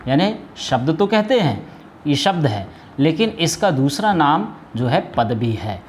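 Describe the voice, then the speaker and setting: Man, fairly high voice, teacher, step-by-step explanation, asks and answers own questions, hesitant restarts, faint background noise. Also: sing-song, a little slow. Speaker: Hindi teacher. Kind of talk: classroom lesson.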